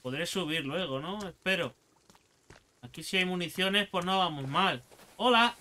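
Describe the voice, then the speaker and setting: A man with an accent from Spain giving excitable, foul-mouthed let's play commentary as a gaming channel host, taunting enemies as he plays. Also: sits high, moderate pace, slight background noise. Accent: Spain Spanish.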